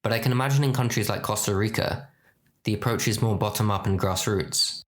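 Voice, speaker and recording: A man hosting a podcast interview, asking measured, prepared questions. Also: fairly low pitch. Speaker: podcast host.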